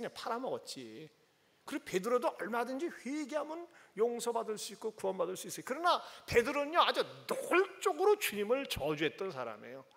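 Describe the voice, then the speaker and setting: A male pastor preaching a sermon in a church, animated and acting out scenes as he talks. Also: sits high. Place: church sanctuary. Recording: church hall reverb.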